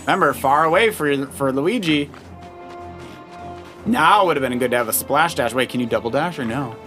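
A dad co-hosting a let's play with his child coaches casually over loud video game music, staying encouraging and offering tips and suggestions. His voice is medium-pitched and his pace normal.

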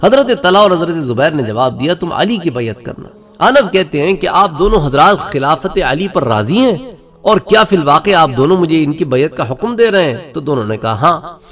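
A man's voice: fairly high pitch, very animated, fairly bright tone. A man giving an Islamic history lecture, telling the story with quoted speech and recited verses. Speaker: religious lecturer.

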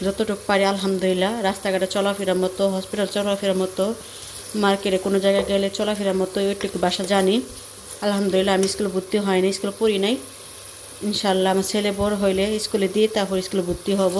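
A Bangladeshi woman vlogging casually as she cooks at home, explaining each step in a chatty way, her voice hoarse from a cold. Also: mid-range voice, monotone, quick pace, darkish tone, slight background noise. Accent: Bangladeshi Bengali. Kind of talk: casual cooking vlog. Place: home kitchen.

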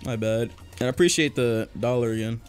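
A young game streamer chats casually with viewers while playing, joking and laughing as he goes. His mid-range voice is fairly quick and clean in tone but getting worn from hours of talking, with faint music in the background.

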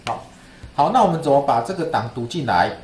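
Animated and fairly quick, a man with a mid-range voice teaches statistics via screen-share in a roomy-sounding classroom. He chats, repeats points, and often asks "right?"

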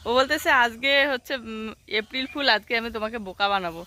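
A young woman chats to her phone camera in a village, her voice bright and clear. Faint birdsong and farm animals sit softly behind her in the open air. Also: a little high, quick pace, slight background noise. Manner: chatty, showing things to viewers. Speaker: family vlogger and mother. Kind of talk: casual vlog chat. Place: village outdoors, fields.

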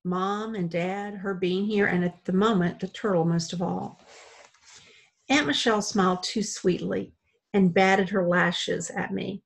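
A woman reading a children's novel aloud in a plain, steady storytelling way. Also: mid-range voice, unhurried, vocal fry, breathy edge. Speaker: audiobook reader.

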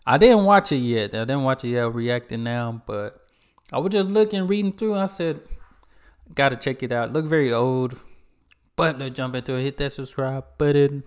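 A man's voice: medium pitch, lively intonation, moderate pace, clean tone. A young American man giving casual reaction commentary as host of a video. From United States.

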